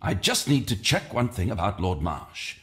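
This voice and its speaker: A man's voice: deep voice, big pitch swings, normal speed, fairly bright tone. A man acting an earnest, formally spoken Victorian English doctor in a video game. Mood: studious. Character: earnest, concerned Victorian gentleman doctor, Holmes's companion.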